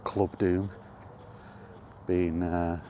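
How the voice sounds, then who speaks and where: A man's voice: deep voice, flat delivery, extremely slow, mellow, a little hiss or hum. A middle-aged man rambling casually in a personal gaming vlog, reminiscing in an informal way. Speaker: gaming vlogger. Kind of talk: casual rambling chat about retro gaming.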